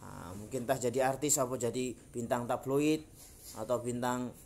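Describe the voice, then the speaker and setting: A man's voice: medium pitch, moderate pace, darkish tone, roomy sound, a little hiss or hum. A man with a Javanese accent gives a casual, joking Quran study talk to an elderly group in a park, acting out little dialogues and laughing often. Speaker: preacher. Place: outdoor park gathering.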